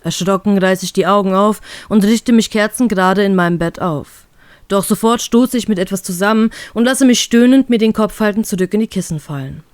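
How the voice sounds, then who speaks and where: A woman reading a fan story aloud in steady first-person narration. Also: mid-range voice, a little fast, no echo. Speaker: fanfiction reader.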